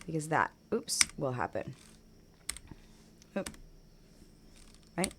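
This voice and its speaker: A woman chatting casually while she plays a game, rambling on and trailing off into quiet mutters as she focuses. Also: low voice, very animated, slow pace, heavy background noise. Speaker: game streamer.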